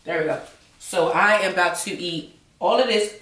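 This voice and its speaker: A woman's voice: on the low side, moderate pace, fairly bright tone. A young woman vlogger chatting casually at home while she eats, sometimes talking with her mouth full. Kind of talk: casual chat while eating. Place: home, indoors. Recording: roomy, from a distance.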